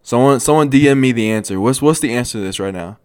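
A man in his twenties telling a motivational story in a casual, animated way, with many restarts and repeated phrases. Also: medium pitch, fast, smooth, no room sound, studio quality. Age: 20s. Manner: animated, repetitive, lots of restarts. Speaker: motivational vlogger.

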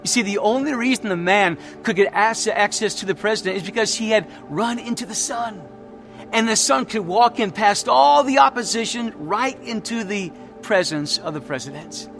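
A man's voice: high voice, moderate pace, a bit bright, faint music behind. A man preaching a sermon, emphatic and repeating his key phrases as he tells stories. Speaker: pastor.

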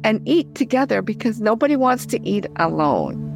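With music playing behind her, a middle-aged woman speaks in a higher, sing-song voice with vocal fry at a moderate pace. Born in Korea, she immigrated in 1975 and is a theologian and teacher, eagerly guesting on a conversational podcast interview.

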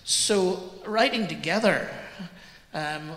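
A man's voice: sits high, animated, takes it slowly, fairly bright tone. A man hosting a live on-stage interview, asking enthusiastic, rambling questions. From Northern Ireland. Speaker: podcast host, interviewer. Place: large hall before a live audience. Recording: echoey hall with long reverb.

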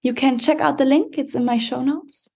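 A woman with a high, creaky voice delivers a motivational podcast monologue. She talks directly to the listener like an empowerment coach, emphatic and encouraging, with vocal fry running through her speech. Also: fairly even intonation, moderate pace. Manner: emphatic, encouraging pep talk addressed straight to the listener.

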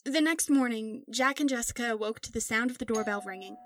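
A woman narrating a scripted story in a steady, measured reading voice. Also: a little high, no room sound.

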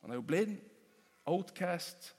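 A man preaching a sermon in a church, emphatic, rising to loud calls and dropping to hushed asides. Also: high-pitched, lively intonation. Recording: long hall reverb.

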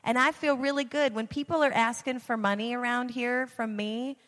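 A woman's voice: on the high side, fairly even intonation, normal speed, fairly bright tone. A woman giving an informal, conversational sermon in an encouraging manner, repeating phrases for emphasis. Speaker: church speaker leading a giving appeal. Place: large reverberant room, addressing a gathering. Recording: reverberant hall sound.

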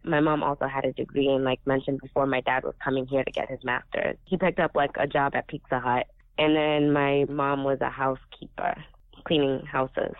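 In an earnest, reflective casual chat, an African man whose first language is Swahili tells his story. His medium-pitched voice moves little in pitch and keeps a moderate pace. There's no room sound, but the audio is tinny and phone-like.

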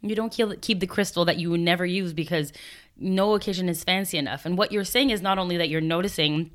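A woman's voice: fairly low pitch, fast talker. A woman in her thirties hosting a solo podcast, talking in a chatty, reflective way and laughing now and then. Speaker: podcast host. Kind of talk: casual solo podcast talk.

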